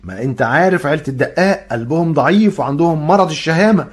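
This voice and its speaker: A man's voice: fairly high pitch, expressive, fast talker, natural voice. An actor with an Egyptian accent playing a cheeky young man in a comic radio drama. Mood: scheming. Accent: Egyptian Arabic. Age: young adult. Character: cheeky, quick-talking poor young man. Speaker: Mando, a poor young man.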